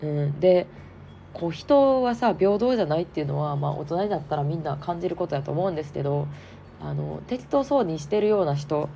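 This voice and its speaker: A woman with a Kansai accent, hoarse and stuffed up, hosting a frank, chatty solo podcast with plenty of fillers. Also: deep voice, lively intonation, fairly quick, warm tone, a little hiss or hum. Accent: Kansai Japanese. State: hoarse, congested nose. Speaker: podcast host. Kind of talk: casual solo podcast talk.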